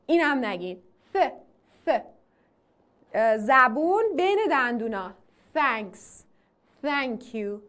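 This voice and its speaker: A woman teaching an online English class. She asks the class questions, answers them herself and repeats English phrases slowly for drilling. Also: high voice. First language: Persian.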